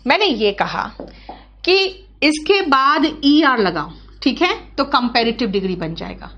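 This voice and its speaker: Brisk Hindi-speaking woman teaching grammar. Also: sits high, animated, a bit bright, highs cut off. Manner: brisk, scolding, addresses students as beta. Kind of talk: live online class.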